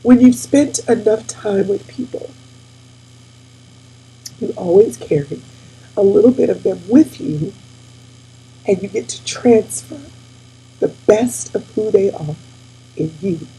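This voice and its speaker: Woman host, forties, husky gravelly voice, tearful and close to crying, direct to viewers, faint hum. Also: mid-range voice, takes it slowly, long pauses, mellow, poor audio. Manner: tearful, addresses audience as y'all. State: weepy, near tears. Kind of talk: casual heartfelt talk to viewers.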